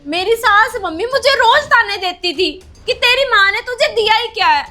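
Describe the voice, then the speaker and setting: Woman as a young married daughter, upset, pleading, very high bright voice, family skit. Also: animated, moderate pace, soft background music, exaggerated voice. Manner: pleading and tearful.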